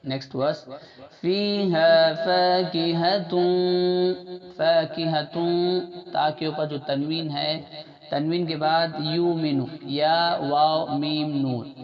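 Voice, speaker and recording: A man teaching tajweed step by step, repeating letters and phrases slowly for learners to copy, at times chanting verses in a drawn-out melodic way. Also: a little high, level tone, soft background music. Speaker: Quran recitation teacher. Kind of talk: slow step-by-step tajweed lesson. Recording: dull lo-fi sound with crowd noise behind.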